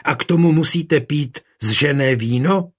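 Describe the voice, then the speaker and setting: A man voicing a quarrelsome, jealous woman close to thirty, in a shrill, accusing tone. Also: slightly rough. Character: middle-aged woman, quarrelsome, jealous daughter.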